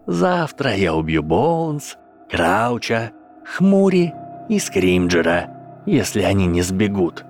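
A man reading a menacing dark lord in a very deep, unhurried voice. The tone stays cold and quietly amused, with a faint bed of music underneath. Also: big pitch swings, heavily acted. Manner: slow, low and deliberate.

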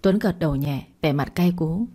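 Low husky female storyteller. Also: normal speed, warm tone. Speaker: narrator. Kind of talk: storytelling narration.

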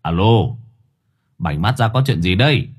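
A man's voice: fairly low pitch, lively intonation, measured pace, husky. A man voicing an anxious elderly village father, stammering and agitated. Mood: alarmed.

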